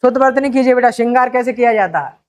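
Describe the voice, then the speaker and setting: A woman's voice: a little high, racing. A woman teaching a grammar exam-prep lesson, addressing students fondly and drawing out repeated words as she works through each question.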